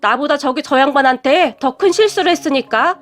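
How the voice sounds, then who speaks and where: A woman voicing a feisty middle-aged mother who shouts and scolds in a story. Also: high voice, brisk, soft background music. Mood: yelling. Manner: shouting, bossy, wailing.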